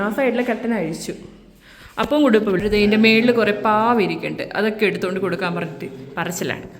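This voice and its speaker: A woman vlogging casually about her day at home, talking to the camera and cooing at her pets in high baby talk. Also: a little hiss or hum. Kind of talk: casual vlog narration.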